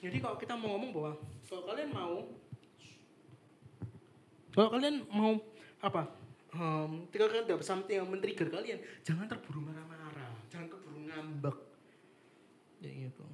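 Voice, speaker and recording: A young man giving a casual devotional talk, chatty and animated, with lots of fillers. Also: high-pitched, normal speed, pauses often, a little hiss or hum. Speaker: devotional speaker. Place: apartment meeting room with live and online audience.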